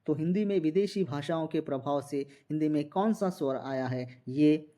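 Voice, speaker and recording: A man's voice: a little high, moderate pace, dark tone. A man teaching a Hindi exam-prep lesson, explaining step by step and often asking the students if they follow. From India. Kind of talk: classroom MCQ lesson.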